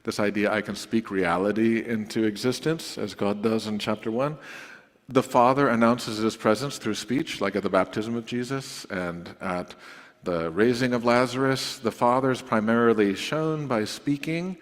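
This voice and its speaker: A man preaching a sermon as pastor in a relaxed, conversational way, drifting into playful asides. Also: lowish voice, moderate pace. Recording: long hall reverb.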